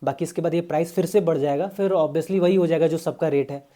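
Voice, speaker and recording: A man's voice: a little high, steady tone, fast, mellow. A young man, a fitness coach giving casual, chatty diet advice straight to his viewers. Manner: chatty, pushy, addresses viewers as brother.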